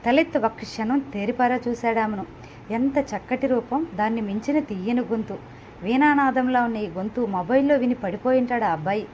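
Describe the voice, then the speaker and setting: A woman's voice: on the high side, brisk, a little mellow, slight background noise. A woman reading a novel aloud, narrating and speaking every character's lines in much the same voice. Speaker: audiobook narrator. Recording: slightly dull, lo-fi home recording.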